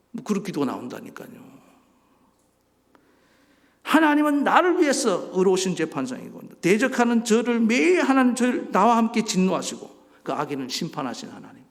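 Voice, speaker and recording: A man preaching a sermon as a pastor, animated, acting out voices and asking the congregation questions. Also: sits high, gravelly. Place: church sanctuary. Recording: church hall reverb.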